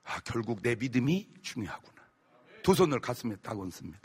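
A male pastor preaching a sermon, firing rhetorical questions at the congregation and bursting into shouts. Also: medium pitch, big pitch swings, a little fast, husky. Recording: long church hall reverb.

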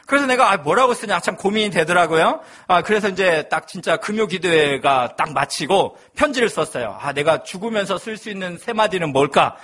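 A man's voice: high-pitched, lively intonation, a little fast, few pauses, fairly bright tone. A male pastor in his thirties, preaching a sermon with humorous personal storytelling.

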